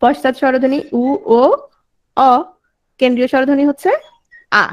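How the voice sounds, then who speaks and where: A woman's voice: high-pitched, level tone, moderate pace. A woman teaching a class, sounding out vowels and quizzing her students. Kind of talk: online class lecture.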